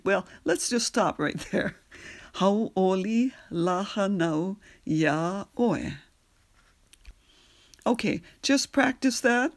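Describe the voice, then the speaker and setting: A language teacher with a gravelly, medium-pitched voice leads a slow audio lesson on pronunciation and singing. She patiently spells out words and repeats phrases for the listener.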